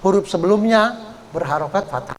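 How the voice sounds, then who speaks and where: Male Quran teacher, high voice, patient step-by-step explainer, faint noise behind. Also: expressive. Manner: explains step by step, often adds "ya"; draws out example words slowly when chanting them. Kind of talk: Quran recitation lesson. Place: study gathering hall.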